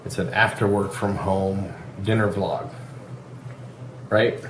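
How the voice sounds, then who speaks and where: Speaking slowly in a low, steady voice, a father and vlogger teases his child at the dinner table, with hesitant fillers throughout. The audio carries a roomy echo and a little background noise.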